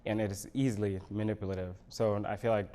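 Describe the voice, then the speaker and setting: A fairly low, steady, dark voice marks this Senegalese man, a candidate for city council. He fields questions during a local TV studio interview, speaking in measured phrases with many pauses.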